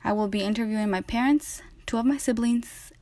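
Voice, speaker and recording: A woman's voice: a little high, a little fast, dark tone, dry recording. A young woman hosting a class podcast, reading her narration and asking interview questions in a plain, chatty, slightly wry way. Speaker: student podcast host and interviewer.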